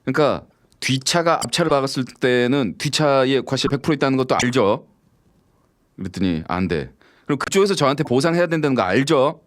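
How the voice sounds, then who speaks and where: A man's voice: mid-range voice, brisk, a little hiss or hum. A middle-aged man hosting a late-night radio show, telling stories with lots of laughter and swearing and acting out both sides of the conversations himself. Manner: lively storytelling, swearing and laughing at cheesy lines. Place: radio studio. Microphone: studio microphone.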